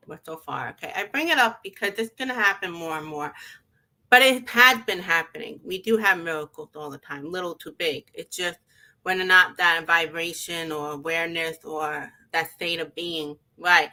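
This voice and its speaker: A woman hosts a casual livestream chat. Her voice is bright and forceful, sitting slightly low. She muses and rambles between thoughts. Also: expressive, moderate pace, poor audio. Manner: musing, rambling with fillers. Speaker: host of intuitive reading show.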